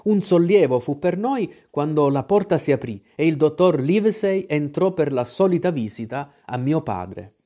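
Expressive man reading a storybook aloud. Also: on the high side, normal speed, hardly any pauses. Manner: dramatic storytelling delivery. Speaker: audiobook reader. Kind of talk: scripted narration.

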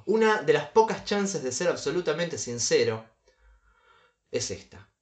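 A man's voice: on the high side, sing-song, unhurried, echoey room. A man co-hosting a casual comedic podcast, reading advice aloud with dry asides and chuckles. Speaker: podcast co-host.

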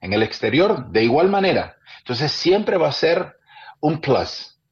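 A Venezuelan man, an actor, chatting casually and telling animated stories with acted-out quotes. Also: a little high, measured pace, breathy edge. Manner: animated storyteller, acts out quotes. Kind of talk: casual chat. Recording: slightly dull lo-fi sound.

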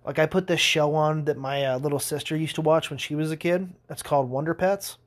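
A man's voice: a little high, steady tone, fairly quick. A young man hosting a podcast, telling rambling stories in a casual monologue, swearing a lot and laughing as he goes. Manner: rambling, profane, laughing storyteller. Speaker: podcast host.

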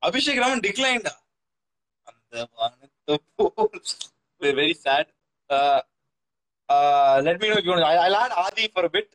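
A man's voice: sits high, lively intonation, quick pace, pauses often, fairly bright tone, poor audio. A man with a South Indian accent from Tamil Nadu, hosting a casual live podcast in slangy English mixed with Tamil. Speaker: podcast host.

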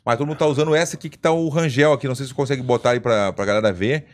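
A man hosting a podcast in casual chat, joking and laughing often with quick asides. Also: medium pitch. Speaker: podcast host.

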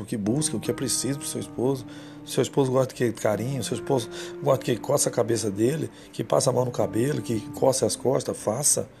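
A male preacher delivers a sermon in a gravelly, mid-pitched voice. He tells a story and then turns to pointed exhortation, with music playing behind him.

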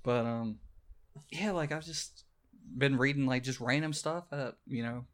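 Male podcast co-host, mid-pitched, loose and rambling, chatty. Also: a little slow. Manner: rambling, filler-heavy, laughs often. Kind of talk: casual chat.

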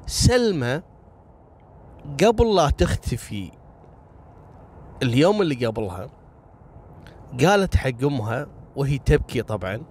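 A man's voice: mid-range voice, sing-song, a little slow, long pauses, a little mellow, a little hiss or hum. A man narrating a story casually, speaking straight to his listeners with moral asides. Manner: chatty, addresses listeners directly with moral asides.

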